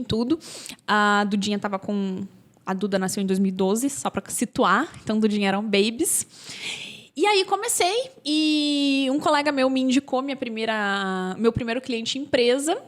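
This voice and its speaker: A Brazilian woman in her thirties, a podcast guest who tells her stories in an animated way and laughs often. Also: high-pitched. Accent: Brazilian Portuguese. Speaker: podcast guest, labor lawyer. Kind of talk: casual podcast chat.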